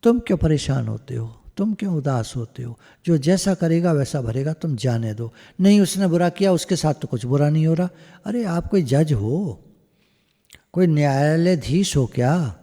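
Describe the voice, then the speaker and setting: A man giving a spiritual discourse over a video call, slow and emphatic, often slipping into English phrases. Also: a little high, lively intonation, warm tone, in a large hall. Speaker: satsang speaker.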